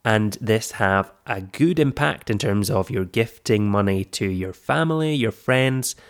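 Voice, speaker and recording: A man with a croaky, froggy voice, hoarse from flu, presenting a podcast in a semi-scripted, explanatory way. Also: lowish voice, lively intonation, unhurried. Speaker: podcast host. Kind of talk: scripted personal finance podcast narration.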